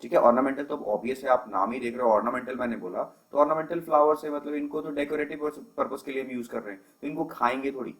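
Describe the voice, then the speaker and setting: Man lecturing with steady explanatory pace. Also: medium pitch, fast talker, hardly any pauses, rough recording. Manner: explanatory, mixes English terms into Hindi, frequent fillers. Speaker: agriculture lecturer. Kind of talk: recorded lecture over slides.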